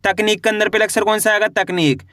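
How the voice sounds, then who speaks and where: A man teaching children to read, who sounds out each syllable slowly and then answers his own questions. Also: high voice, steady tone, bright, forceful tone, dry recording, studio quality. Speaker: Hindi reading teacher. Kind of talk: spelling lesson.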